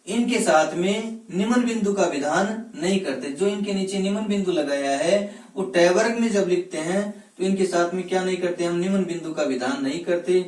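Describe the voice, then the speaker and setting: A man teaching Hindi grammar in a classroom-style lecture. He asks questions and answers them himself, and he sounds out letters slowly one at a time. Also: high voice, darkish tone. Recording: echoey room, voice from a distance.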